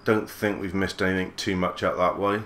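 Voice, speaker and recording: Low flat-voiced gamer. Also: male voice, a little fast, a little hiss or hum. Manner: relaxed musing, mild swearing. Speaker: gaming channel host. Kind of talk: let's play commentary.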